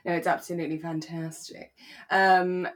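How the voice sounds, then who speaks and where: This British podcast co-host has a fairly low, fairly steady voice and speaks at a normal speed. In a casual chat about a radio drama, she comes across as talkative and often second-guesses what she's just said.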